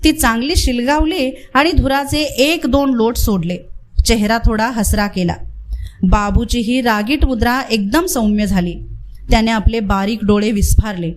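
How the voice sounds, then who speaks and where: A woman reading a village story aloud as a storyteller, lively and expressive in her delivery. Her voice sits fairly high. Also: measured pace, slight background noise. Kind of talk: storybook narration.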